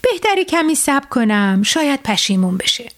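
Sleep is a wandering spirit in a children's bedtime tale, voiced by a woman. It talks in a lifted, coaxing way, pleased with itself. The voice sits high. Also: big pitch swings. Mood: scheming. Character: Sleep, a wandering spirit looking for someone to put to sleep.

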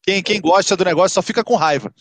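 A man's voice: sits high, fast talker, fairly bright tone, no echo. A man with a Rio Brazilian Portuguese accent in casual chat, blunt, sweary and complaining.

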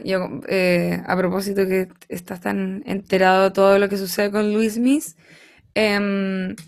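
A woman, a guest on a podcast, talking casually and often pausing to search for words. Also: medium pitch. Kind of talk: casual chat.

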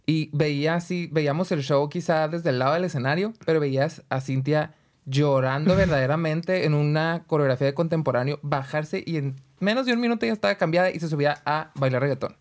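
Man, Mexican accent, a bit high-pitched, eager, full of praise, casual chat. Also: a little fast. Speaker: guest, friend. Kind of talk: casual interview.

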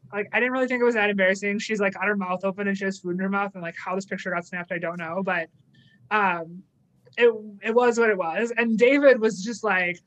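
A woman's voice: medium pitch, fairly bright tone, rough recording. A woman co-hosting a podcast, chatting casually through an episode recap with lots of "like" and little acted-out quotes. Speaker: podcast co-host.

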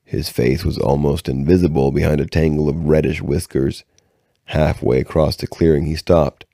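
Male audiobook reader: very low, dark voice, dry close sound, unpolished measured reading. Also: steady tone, creaky, dry recording. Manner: measured reading with occasional stumbles and restarts. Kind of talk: reading a novel aloud.

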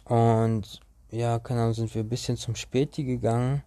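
A young man tells a story in casual, slangy speech, rambling and restarting as he goes. His voice is mellow and dark, at a middle pitch. The sound is dry and close, with no room around it. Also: little pitch movement, moderate pace, no echo.

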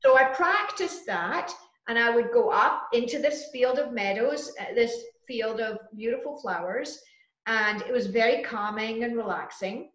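A woman talking as an interview guest, telling spiritual experiences in an earnest, unhurried, conversational way. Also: fairly high pitch, fairly bright tone. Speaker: interview guest, trance channeler and healer. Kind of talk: conversational first-person spiritual storytelling. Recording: muffled, roomy, echoing audio.

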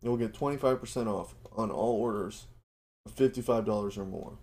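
A man with a mellow, darker tone hosts a sports show and reads the sponsor spots himself. His delivery is casual and loose. He stumbles, restarts and pokes fun at his own reading as he goes. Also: fairly low pitch, brisk. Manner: fumbling, apologetic, self-mocking about ad reads. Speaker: podcast host.

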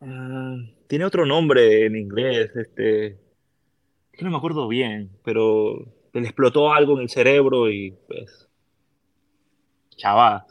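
A man's voice: mid-range voice, slow, pauses often, dry recording, dull audio. Middle-aged puerto rican guy telling a story on a podcast, loose and chatty, does the voices of people in it, dry close sound. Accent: Puerto Rican Spanish. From Puerto Rico. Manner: animated, acts out voices in his story. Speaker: podcast guest. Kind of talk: casual storytelling.

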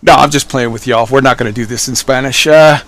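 A man's voice: medium pitch, brisk, fairly bright tone. A man hosting a podcast in casual, joking chat, with an informal, sweary, rambling manner. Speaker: podcast host.

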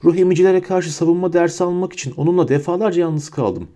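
A defiant teenage boy wizard, voiced by a man, his voice lifted higher than the narration. He talks back with a sharp edge. The reading is warm and mellow. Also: fast, lightly acted. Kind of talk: audiobook character voice.

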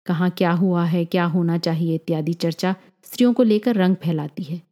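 A woman reading a story aloud in a measured, even storytelling manner, as the host of a story channel. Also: fairly low pitch. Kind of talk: scripted story narration.

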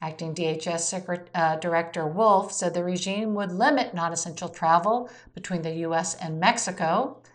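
A woman's voice: lowish voice, normal speed, few pauses. A woman narrating a scripted weekly news summary, marking each quotation aloud. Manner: reads quotes with air quotes.

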